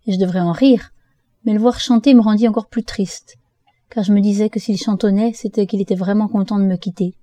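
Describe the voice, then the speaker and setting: A woman reading a first-person story aloud for an audiobook in a steady, measured way. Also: medium pitch, no echo. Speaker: audiobook reader.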